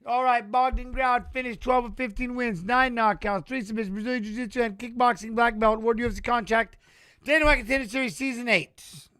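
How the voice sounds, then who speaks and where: A middle-aged man hosting a live fight watch-along, chatty and excitable, talking to the viewers as he calls the action. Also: very high voice, a little fast. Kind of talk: casual live fight commentary.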